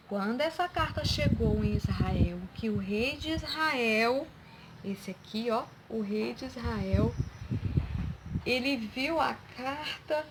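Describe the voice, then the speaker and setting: A woman telling a Bible story to children, slowly and expressively, acting out each character's lines. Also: fairly high pitch. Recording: loud background noise.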